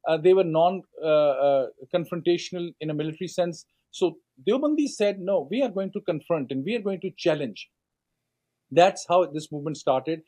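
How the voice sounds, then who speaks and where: Answering at length, a middle-aged guest who is an author and scholar speaks with a Pakistani accent in a measured, lecture-like style, stopping on fillers and starting phrases over. His pitch is high for a man, and his tone is mellow and dark.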